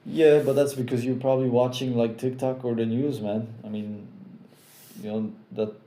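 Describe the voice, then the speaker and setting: Speaking at medium pitch and moderate pace, a young Polish man with an American accent chats casually on a live stream, wandering through viewers' questions and repeating himself. The rough recording has room echo and slight background noise.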